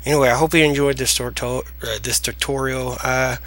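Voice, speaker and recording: A man with a deep Southern US accent and slightly slurred S sounds, giving a casual, halting, rambling software tutorial. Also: steady tone. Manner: halting, rambling delivery with trailing sentences. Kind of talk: casual unscripted screen tutorial.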